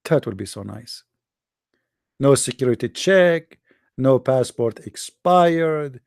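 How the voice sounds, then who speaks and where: A man's voice: medium pitch, expressive, slow, vocal fry, a little mellow, no echo. Sarcastic Arabic-accented man, dry close sound. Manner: sarcastic, mocking. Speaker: religious debater. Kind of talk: online debate talk.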